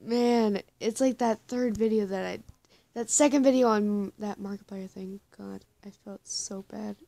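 A woman giving casual reaction commentary while dubbing a comic, giggly and quick to run herself down. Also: medium pitch, steady tone, gravelly, dark tone, no room sound. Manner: giggly, self-deprecating asides. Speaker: comic dub reader.

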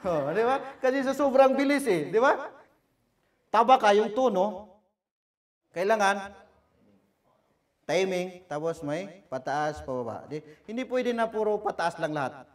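A Filipino man giving a lecture on public speaking, moving from loud emphasis to a soft murmur and acting out bad delivery. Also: high voice, animated, unhurried, pauses often. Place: cultural center hall. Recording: voice from far off the mic.

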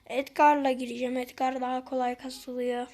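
A woman commenting on her own gameplay to her viewers, getting frustrated and excitable as she plays. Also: high-pitched, brisk. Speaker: gaming channel host.

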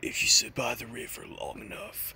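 A man voicing a menacing male animatronic bear, speaking low and slow in a half-whisper. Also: pushed and bright, slight background noise.

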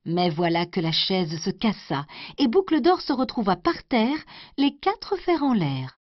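A woman storyteller doing an expressive scripted storybook narration. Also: medium pitch, a little slow, dry recording. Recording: dry, dull lo-fi recording.

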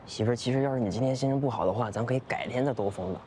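A man's voice: medium pitch, racing, lightly acted. An actor playing a young husband who coaxes and pleads with his wife. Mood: coaxing. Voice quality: pleading and repetitive when apologizing. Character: eager, sheepish young husband. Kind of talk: short drama acting. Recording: music bed under the dialogue.

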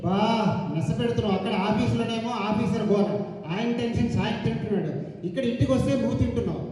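A man's voice: extremely high pitch, quick pace, warm tone. A man playing a defensive, harried husband in a comic stage drama rehearsal. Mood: grumbling. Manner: defensive, grumbling. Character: harried husband, railway clerk, weary and defensive. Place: rehearsal hall. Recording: echoey hall from far off.

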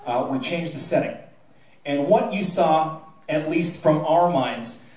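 On a school theatre stage indoors, a middle-aged American high school theatre director informally hands out awards, folksy, wry, and teasing. His voice is a little high with a darkish tone, carried by a handheld PA mic and recorded from a distant camera in an echoey auditorium full of audience murmur and laughter.

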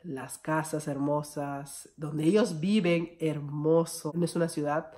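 A woman's voice: deep voice, steady tone, slow pace, warm tone. Chatty Peruvian woman telling a story. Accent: Peruvian Spanish. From Peru. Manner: chatty, often addresses viewers as friends. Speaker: vlogger. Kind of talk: storytime vlog.

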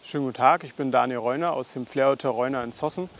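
Moving between a garden, a greenhouse and a restaurant kitchen, a young chef demonstrates a dish step by step, relaxed and plain, often pausing with fillers. His medium-pitched voice is recorded on a lapel mic over music, with kitchen clatter and a sizzling pan in the background.

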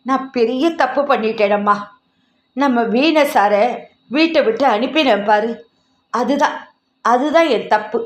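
A woman reading the lines of a frail, dying old father who speaks in halting, broken phrases. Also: on the high side, reverberant, lightly acted. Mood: pleading.

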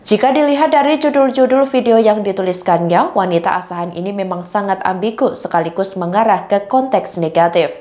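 A woman narrating a news report in an even, formal scripted delivery. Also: mid-range voice, a little fast, hardly any pauses.

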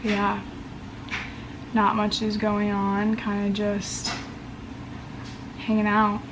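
Hoarse, creaky young woman vlogging. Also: mid-range voice, monotone, extremely slow, background noise. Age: young adult. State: losing her voice after screaming. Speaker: college student vlogger. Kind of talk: casual vlog chat. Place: small bedroom, indoors. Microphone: camera at about arm's length.

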